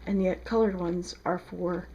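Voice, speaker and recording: A lowish, steady-toned woman's voice, a little mellow with a breathy edge, moves at a measured pace through dull-sounding audio. She's a soap maker from South Jersey, going through a recipe tutorial in her home kitchen on the second floor in a casual way, with frequent ums.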